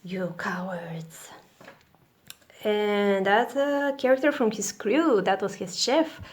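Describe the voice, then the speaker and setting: A woman's voice: a little high, a little slow. A woman casually narrating over a flip through her sketchbook, rambling and giggly with lots of fillers and restarts, enthusiastic about her characters. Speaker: artist showing her sketchbook.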